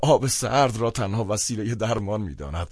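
A man narrating a novel in the first person, measured and expressive. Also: fairly low pitch, husky, no room sound, studio quality. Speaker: audiobook narrator.

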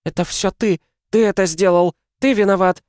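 A man voicing a grieving mother who screams and sobs in a shrill, raised voice. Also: steady tone, moderate pace, dry recording, studio quality, lightly acted. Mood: hysterical, sobbing. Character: hysterical grieving mother, shrieking and sobbing.

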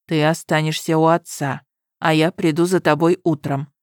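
A woman voicing a stern, suspicious young male guard commander in an audiobook, speaking flatly and coldly. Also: low-pitched, moderate pace, no echo, studio quality, lightly acted. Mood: grave. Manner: flat, cold, commanding. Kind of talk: audiobook character reading.

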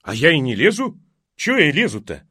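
A man voicing a loud, blunt village neighbor woman who shouts over a fence in folksy speech. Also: a little high, wildly swooping pitch, normal speed, husky, dry recording, clean studio sound, exaggerated voice. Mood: hollering cheerfully.

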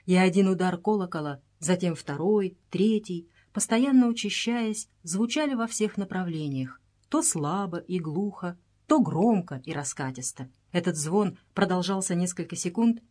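A woman narrating an adventure novel as an audiobook in a steady, measured reading voice. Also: fairly low pitch. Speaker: audiobook reader.

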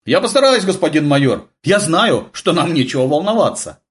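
A man's voice: on the high side, sing-song, moderate pace, pitched above the performer's own voice. A man voicing a brave young woman who strains to sound mocking under fire, in an audiobook. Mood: tense bravado. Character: brave young woman, tense but defiant.

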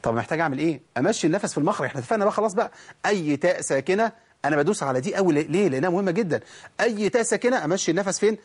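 A man with an Egyptian accent whose voice sits high and is slightly rough teaches Quran recitation very fast and with animation in a recorded lesson. He questions and answers himself, repeating words so listeners hear how each letter sounds.

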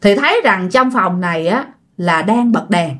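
A woman's voice: mid-range voice, expressive, moderate pace, a bit bright. A woman with a Southern Vietnamese accent narrating ghost stories in a chatty, casual manner, often speaking straight to her listeners. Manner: chatty, addresses listeners directly. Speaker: storyteller.

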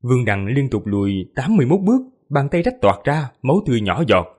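Husky male fantasy audiobook narrator. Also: mid-range voice, big pitch swings, fast talker, darkish tone. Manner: vivid, emphatic storytelling. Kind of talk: dramatic fantasy novel narration.

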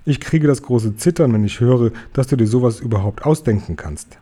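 A man's voice: medium pitch, expressive, normal speed, mellow, slightly rough. A man voicing a big friendly male giant who boasts and mangles his words, drawn out and exclaiming in a raised voice. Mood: indignant.

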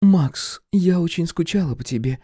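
Audiobook: male reader doing a prickly ex-girlfriend, high and snappish, warm dark tone. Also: normal speed, no echo, clean studio sound, close to an everyday voice. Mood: pleading. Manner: snippy, hissing. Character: bitter young woman, Max's ex, sharp-tongued.

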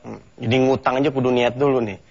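A man's voice: mid-range voice, fairly even intonation, fast talker, creaky, darkish tone, slightly rough. A man hosting a religious TV program, opening formally and then bantering casually. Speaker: TV program host. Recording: dull lo-fi TV broadcast sound.

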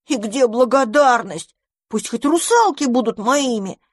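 A woman's voice: on the high side, lively intonation, unhurried, dry recording, clean studio sound, voice pushed up. A woman voicing a young boy mouse who is jealous and fretful, talking in a grumbling way.

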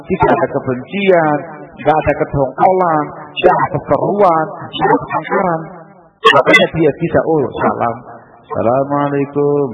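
A man preaching a sermon at a religious gathering. His voice climbs to high emphatic peaks through lists, drops low and soft, and he chants Arabic phrases slowly. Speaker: Islamic preacher. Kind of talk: sermon lecture. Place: lecture gathering. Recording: distant, dull lo-fi mic recording.

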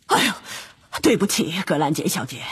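A woman's voice: deep voice, very animated, normal speed, noisy background. A woman voicing a stern older female professor in an audiobook, commanding and scolding. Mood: flustered. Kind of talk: audiobook character acting.

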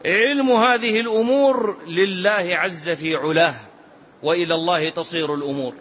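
Bright-voiced man teaching a religious lesson. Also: high-pitched, moderate pace. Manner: explanatory, asks rhetorical "ha?" of listeners. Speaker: sheikh teaching a hadith book. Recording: slightly dull lo-fi recording.

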